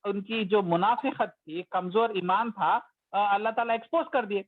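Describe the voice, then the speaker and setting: High-voiced man explaining over a tinny line. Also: moderate pace, no room sound. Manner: explains in a storytelling way, acts out people's complaints. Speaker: Islamic teacher. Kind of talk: conversational religious talk. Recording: dry, tinny phone-like sound.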